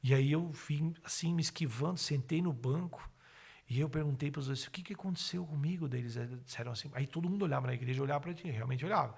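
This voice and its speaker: Middle-aged man, podcast guest telling a testimony, a bit high-pitched and husky, acts out each voice in his story. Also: fast. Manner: animated, acts out his own and others' words.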